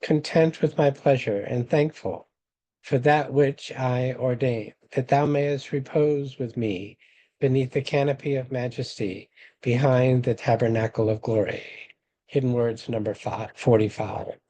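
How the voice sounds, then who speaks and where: A man presenting a webinar, reading scripture passages aloud in a measured, deliberate way and explaining them. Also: mid-range voice, mellow, rough recording. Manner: measured, reads quotations slowly and deliberately.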